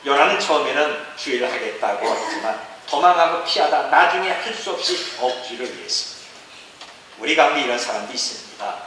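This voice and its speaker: A male pastor preaches with earnest storytelling, moving between hushed and emphatic lines. His voice sits high and bright. It is heard from a distance in a very echoey church, with a faint hum of the room behind. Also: expressive, a little fast. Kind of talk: sermon. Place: church sanctuary.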